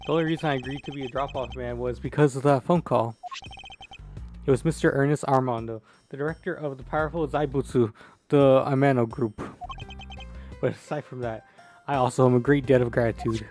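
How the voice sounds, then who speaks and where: Man playing an earnest, formal gentleman detective. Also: medium pitch, fairly even intonation, brisk, soft background music, natural voice. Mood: brooding. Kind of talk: dramatic reading of visual novel dialogue.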